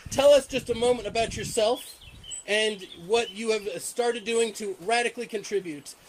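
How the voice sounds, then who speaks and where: A man moderates a casual roundtable, throwing out quick questions in an enthusiastic, joking way. His voice sits very high for a man. Faint noise hums behind him. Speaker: host, moderator.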